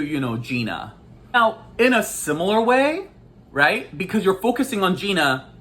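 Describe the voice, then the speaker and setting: A man working as a life coach, explaining a topic in a casual video, talking in a playful, animated way and often laughing. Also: a little high.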